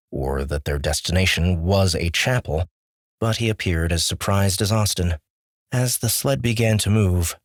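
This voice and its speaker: A man narrating an audiobook with measured, steady storytelling. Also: low voice, no echo, studio quality. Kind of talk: scripted narration.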